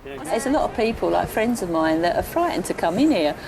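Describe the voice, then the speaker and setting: A woman's voice: lowish voice, big pitch swings, a little fast, background noise. A woman chatting in a rambling way, full of fillers, as a regular customer. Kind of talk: casual chat.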